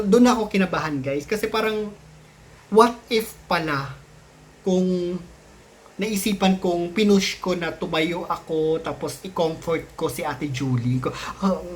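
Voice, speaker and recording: A man's voice: fairly high pitch, slight background noise. A man casually telling his own ghost story to his channel in a chatty, meandering way, with many restarts and sudden rises in his voice at the tense parts. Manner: chatty, mixes Tagalog and English, many restarts and fillers.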